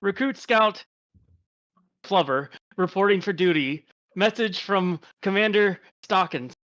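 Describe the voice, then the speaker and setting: A stiff, posh fish soldier in a British uniform reports for duty, played by a man. His voice sits high and crisp, with a formal military clip, and the room sounds dry. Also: expressive, a little slow, a bit bright, dry recording, muffled recording.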